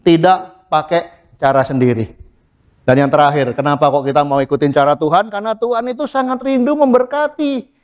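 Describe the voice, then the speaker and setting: A middle-aged man preaching a sermon in church in a lively way, mixing in English words and acting out the voices he quotes. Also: a little high, brisk. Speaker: pastor.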